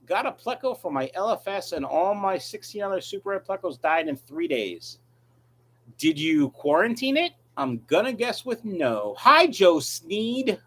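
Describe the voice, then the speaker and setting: A man with a high, sing-song, somewhat bright voice speaks at a measured pace. He hosts a casual livestream and breeds aquarium fish, reading out viewer questions and answering them bluntly and offhandedly.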